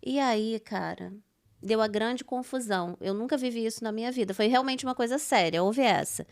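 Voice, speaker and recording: A Brazilian woman podcast host with a Brazilian Portuguese accent, telling a story in a lively, dramatic way with quick asides. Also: fairly high pitch. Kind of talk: animated storytelling chat.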